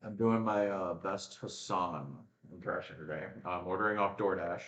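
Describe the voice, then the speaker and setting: Man, low voice, casual live race commentary, chatty asides, home webcam stream, echoey room. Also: fairly even intonation, moderate pace, fairly bright tone. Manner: chatty, rambling asides between race calls. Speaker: racing watch-along streamer. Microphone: webcam and desk mic.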